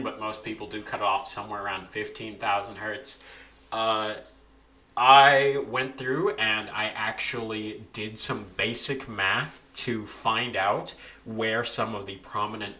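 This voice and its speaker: Man, unhurried, bright timbre, casual tutorial voice-over, relaxed, restarts often. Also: lowish voice. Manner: relaxed, with frequent restarts and fillers. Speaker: video creator explaining vocal editing.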